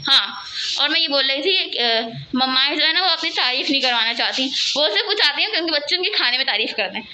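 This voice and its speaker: A woman vlogging casually at home, chatting and rambling to her viewers and talking loudly over household noise. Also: high voice, lively intonation, quick pace. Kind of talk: casual home vlog chat. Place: at home, cooking and sweeping nearby.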